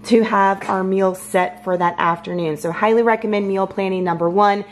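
A woman's voice: mid-range voice, steady tone, moderate pace. An American woman in her thirties chatting casually and upbeat through a home tour, her scratchy, strained voice giving out from allergies. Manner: upbeat, informal, addresses viewers directly. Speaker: home organization vlogger. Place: home kitchen, indoors. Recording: clear background hum and noise.

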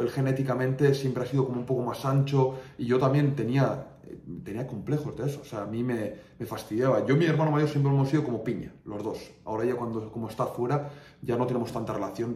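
A young man from northern Spain opens up in a loose, candid chat, tossing in "tío" and "¿sabes?" as fillers. His voice is mellow and dark-toned. It echoes around the room from a little way off the mic, with faint ambience underneath. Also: mid-range voice. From Navarre, Spain. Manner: colloquial, candid, peppers speech with "tío" and "¿sabes?". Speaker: online fitness coach. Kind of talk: casual confessional chat. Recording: roomy sound, mic at a distance, faint ambience.

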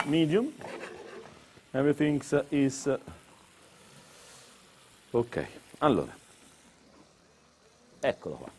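A high-pitched, slightly mellow male voice belongs to a Tuscan cook with an Italian accent whose first language is Italian. At a kitchen demonstration set, he chats through the demo in broken English, throwing in Italian interjections.

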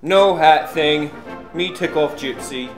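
A dim-witted cartoon brute as a puppeteer plays it, slow and halting. The monster speaks in simple, broken grammar. Music plays behind the voice. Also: medium pitch. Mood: sheepish.

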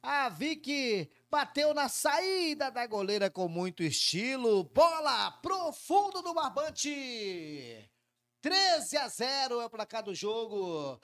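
A man's voice: very high voice, very animated, takes it slowly, fairly bright tone, dry recording. A Brazilian man calling a football match live, play by play.

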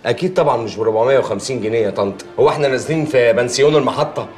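An actor with an Egyptian accent playing a stressed husband who flares up and then apologizes. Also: male voice, mid-range voice, rapid-fire, soft background music, close to an everyday voice. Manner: defensive, flares up, then pleads.

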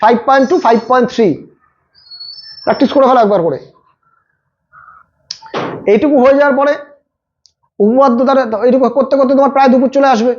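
A man's voice: very high voice, fairly even intonation, dull audio. A male maths tutor giving last-minute exam tips, talking directly to students and repeating his points. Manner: rapid, repetitive, coaching students directly.

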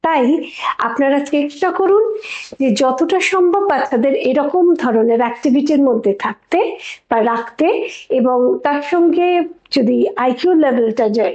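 High-voiced woman psychologist, echoey. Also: normal speed. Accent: Bengali from West Bengal. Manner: calm, asks rhetorical questions. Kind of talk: explanatory talk to parents. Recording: echoey room, dull lo-fi sound.

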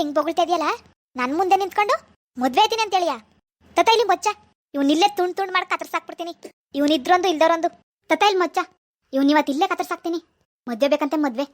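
An actor voices an enraged village father in a cartoon, hurling threats and curses. The voice is oddly high and fast for a father. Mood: furious. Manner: shouting threats and insults. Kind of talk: animated village drama.

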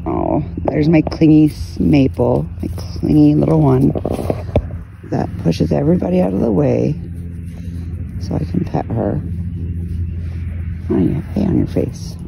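A woman in her thirties filming her goats outdoors on her phone, chatting casually, laughing and cooing at the animals in a higher voice. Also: very animated, a little slow, vocal fry, pauses often. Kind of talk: casual phone vlog narration. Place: outdoors in a farm pasture at sunset. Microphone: phone held while filming. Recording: outdoor phone audio with background noise. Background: goats and outdoor ambience.

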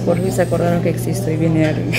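A man vlogging in a restaurant, talking through a face mask, chatty and halting with fillers, keeping his voice low around other diners. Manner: speaking quietly among other diners. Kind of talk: casual vlog chat. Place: restaurant dining room.

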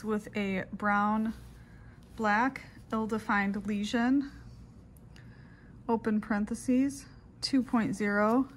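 A woman dictating a clinical report deliberately, word by word, speaking the punctuation aloud as an instructor. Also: medium pitch. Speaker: pathology lab instructor. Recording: clearly noisy room recording.

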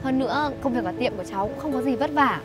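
An actress playing a kind young woman who owns a noodle shop, speaking gently and politely. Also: high voice, lively intonation, fast talker. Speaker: actress in web drama. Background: music.

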